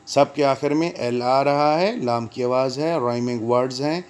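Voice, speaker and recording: An older man teaches a recorded English lesson with an even voice of middling pitch. He draws out each word on his lists slowly, then patiently explains the sounds between them. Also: clear, resonant tone. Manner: slow, drawn-out reading of word lists.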